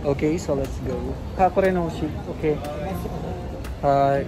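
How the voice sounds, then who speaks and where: A man's voice: fairly high pitch, measured pace. A man vlogging casually on a city street, talking through a face mask and mixing Tagalog with English. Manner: chatty, mixing Tagalog and English with bits of Japanese. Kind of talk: casual vlog, walking and shopping. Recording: loud music over street sound. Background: loud background music.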